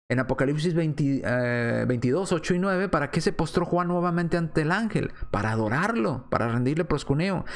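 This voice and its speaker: A man preaching a sermon, posing rhetorical questions and reading scripture aloud. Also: a little high.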